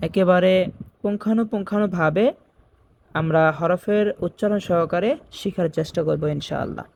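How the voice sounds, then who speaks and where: A man teaching Quran reading, slowly repeating each Arabic letter sound and explaining where in the mouth it is made. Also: sits high, gravelly, a little mellow, a little hiss or hum. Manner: chants the Arabic opening phrases in a drawn-out sing-song.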